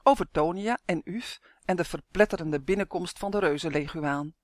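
A woman reading a children's fantasy story aloud in a calm, even-paced narration. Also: lowish voice, normal speed, no echo, studio quality. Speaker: audiobook reader.

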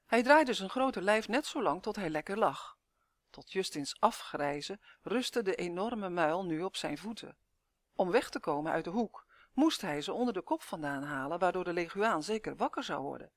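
A woman's voice: lowish voice, lively intonation, moderate pace, dry recording, studio quality. Woman reading a children's story aloud. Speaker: narrator.

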